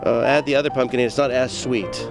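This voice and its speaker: A male chef from Zimbabwe talks his way through a recipe on an outdoor patio, his voice at an ordinary middle pitch. He rambles and restarts, with plenty of ums and uhs. Music plays clearly in the background of the live feed. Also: steady tone, fast. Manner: chatty, stop-start, frequent fillers. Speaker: executive chef. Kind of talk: live cooking demo on morning news.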